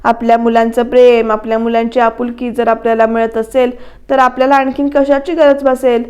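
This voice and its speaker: A woman's voice: fairly high pitch, level tone, brisk, a little mellow, lightly acted. A woman voicing a pleading aging mother. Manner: pleading, soothing. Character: aging mother, pleading, devoted to her children.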